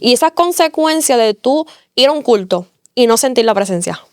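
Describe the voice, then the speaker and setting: A woman tells her faith story in earnest, repeating phrases to drive them home. Her voice sits a little high and sounds smooth and clear. The recording is close and dry. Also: animated, normal speed, no echo. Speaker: interview guest giving testimony. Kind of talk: emotional faith testimony.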